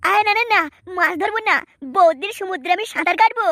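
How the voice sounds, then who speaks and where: A woman plays a sly, scheming young rascal in a comic cartoon. His voice is high and cheeky, and he talks fast in a brash, sneaky way. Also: sharp tone, heavily acted. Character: sly, lecherous young man, scheming friend.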